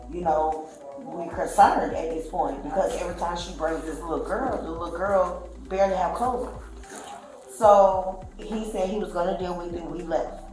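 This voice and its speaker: A woman talks to police, her low voice winding through a story and slipping into the voices of the people she quotes. The room is very echoey, and faint music plays underneath. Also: darkish tone. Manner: rambling storytelling, acting out quoted speech. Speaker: witness. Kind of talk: recounting events to police.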